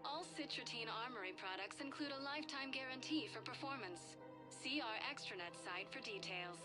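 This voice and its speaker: A woman voicing a polished shop announcer in a video game, giving a store loudspeaker announcement in a smooth advertising tone. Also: a little high, normal speed, over music. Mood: salesy. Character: cheerful female shop announcer, polished and salesy.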